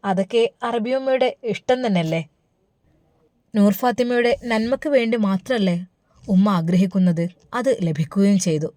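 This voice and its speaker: A woman voicing a grown son who calmly reassures his mother, in storybook dialogue. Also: medium pitch, moderate pace, no room sound, clean studio sound, natural voice. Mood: reassuring.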